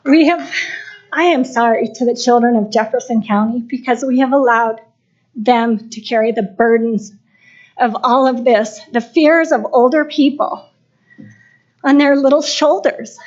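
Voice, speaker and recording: A woman's voice: on the high side, measured pace, darkish tone. An older woman giving an impassioned, pleading public comment at a school board meeting. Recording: dull lo-fi livestream audio.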